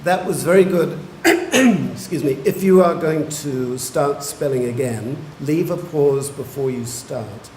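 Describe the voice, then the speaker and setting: A man acting as spelling bee pronouncer, saying each word slowly and carefully, then reading its definition and an example sentence. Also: fairly high pitch, a little mellow. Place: large museum hall. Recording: echoey hall, faint room noise.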